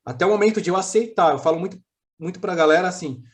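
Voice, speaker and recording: Brazilian guy on a podcast, bit high pitched, talks it through slow and earnest, slangy, restarts a lot. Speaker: podcast guest. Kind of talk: casual interview chat.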